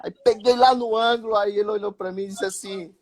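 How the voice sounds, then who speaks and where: Lively storyteller with a high voice. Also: male voice, fairly quick. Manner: lively anecdotal, with many fillers like "né, cara". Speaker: former futsal goalkeeper telling a story. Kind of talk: casual live-stream storytelling.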